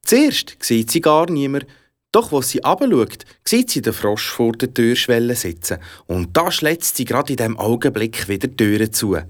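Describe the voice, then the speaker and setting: Swiss german storyteller reading a fairy tale, super lively voice all over the place. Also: medium pitch, normal speed. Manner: expressive, animated.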